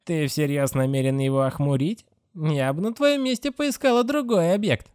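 A man voicing a scornful female caretaker, high and scolding. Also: normal speed, a little mellow, clear, resonant tone, no room sound, studio quality, lightly acted. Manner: scolding, contemptuous. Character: sharp-tongued middle-aged female caretaker, scornful.

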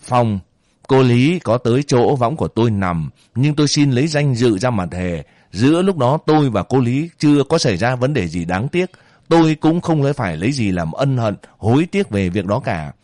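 A man's voice: medium pitch, expressive, normal speed, darkish tone, no room sound, clean studio sound, natural voice. A man reading a story voices a young male soldier defending his honor in a solemn, earnest way.

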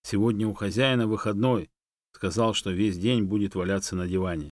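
A man's voice: lowish voice, steady tone, a little fast, dry recording, studio quality, natural voice. A man voicing a sarcastic, know-it-all female monkey who teases and mocks her friend. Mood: teasing. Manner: teasing, mocking.

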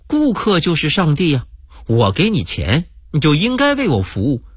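A man voicing a baffled, demanding American hotel guest who fires off rapid, indignant questions. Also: on the high side, wildly swooping pitch, breathy edge, dry recording, studio quality, heavily acted.

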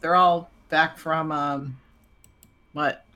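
A woman's voice: sits low, fairly even intonation, drawn-out words, sharp tone. A middle-aged woman co-hosting a podcast, chatting in a wry, casual way and laughing easily. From Florida. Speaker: podcast co-host, psychotherapist. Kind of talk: casual chat.

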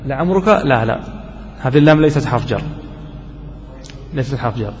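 A man teaching a classroom grammar lesson, quizzing his students and slowly repeating each example. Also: medium pitch, lively intonation, a little mellow. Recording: dull lo-fi recording with long reverb and faint noise.

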